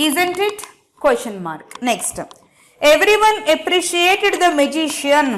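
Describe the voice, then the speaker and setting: A woman with a Telugu accent teaching English grammar in an online exam-prep class. She dictates example sentences slowly and explains quickly in Telugu mixed with English, repeating key words and checking that students follow. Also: very high-pitched, fairly bright tone.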